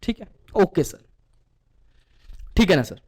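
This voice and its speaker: This man's voice sits high and sounds a little mellow and slightly rough; he's very animated yet speaks at a slow pace. Teaching math in a Hindi-English mix, he poses the same question repeatedly, answers it himself, and calls students "beta" during a call-and-response lesson.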